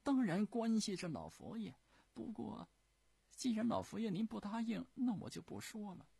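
A man voicing a sly, fawning male eunuch servant at an imperial court, wheedling and shrill. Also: very animated, normal speed, creaky, mellow, husky, dry recording, exaggerated voice.

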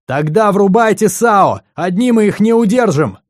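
Battle-tense contractor, voiced by a man, shouting into a radio, pitched high. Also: expressive, moderate pace, no echo, studio quality.

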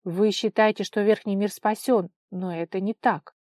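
Calm serious auntie in a storybook read by a woman, mellow voice, dry recording. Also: medium pitch, normal speed, no room sound, natural voice. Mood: firm. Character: older aunt, serious, gentle and secretive.

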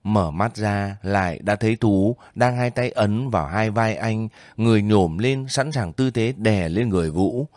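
A man narrating a story in a steady, measured reading voice. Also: lowish voice, dry recording. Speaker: audiobook narrator. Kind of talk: scripted narration.

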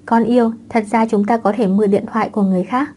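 A playful young mother who gets her way by scheming, as a woman reads her. She talks lightly and teasingly, in a mellow, dark tone suited to an audiobook novel. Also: on the high side, steady tone, fast talker, a little hiss or hum, natural voice. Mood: breezy.

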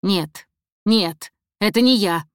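A woman's voice: mid-range voice, takes it slowly, smooth, no room sound, clean studio sound, lightly acted. Woman reading as a nervous cornered killer. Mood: tense. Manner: tense, shouting when cornered. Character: nervous cornered male killer, young adult man.

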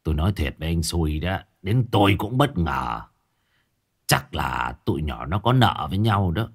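A man reading a story, voicing a hearty, talkative older village father who chats warmly with his friend. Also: sits low, sing-song, moderate pace, vocal fry, slightly rough, voice pushed down, heavily acted. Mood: jovial. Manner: hearty, chatty.

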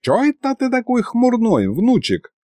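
Man voicing a wry old grandpa, high cracked voice, chuckling, very lively. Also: measured pace, dry recording, heavily acted.

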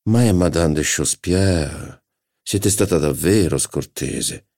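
A man reading an audiobook, voicing a stern, pedantic aristocratic duke who speaks in a measured, lecturing way. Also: very deep voice, animated, darkish tone, no echo, clean studio sound, full character voice. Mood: reproachful.

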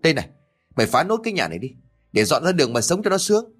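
A man voicing a harsh, nagging old grandmother who scolds rapidly, in an audio story. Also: mid-range voice, sing-song, breathy edge, soft background music. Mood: scolding.

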